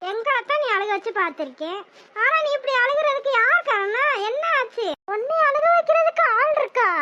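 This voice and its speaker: A woman's voice: extremely high pitch, animated, brisk, muffled recording, background noise. A woman voicing a young married woman who earnestly comforts her aunt. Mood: puzzled. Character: young married woman, gentle, consoling niece.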